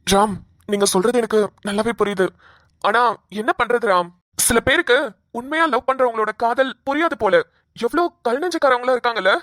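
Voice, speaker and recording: A woman's voice: a little high, moderate pace, fairly bright tone, no echo, clean studio sound, lightly acted. A woman voicing a blunt, coaxing young male police officer in a cartoon. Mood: rueful. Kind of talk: cartoon voice acting.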